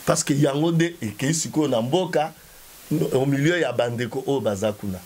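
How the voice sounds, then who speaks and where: A man giving emphatic, animated political commentary, often halting to find his words. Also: mid-range voice. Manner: animated, emphatic, code-switching.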